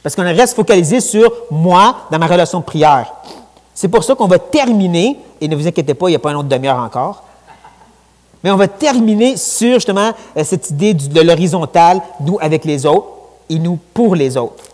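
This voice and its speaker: Quebec French preacher in a reverberant church. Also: male voice, sits high, normal speed. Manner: animated, conversational preaching with colloquial asides. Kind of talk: sermon. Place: church sanctuary. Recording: long church hall reverb.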